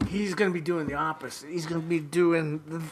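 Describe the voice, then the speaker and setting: A man's voice: a little high, steady tone, brisk. A man co-hosting a podcast, joking bluntly and swearing in casual film chat. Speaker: podcast co-host.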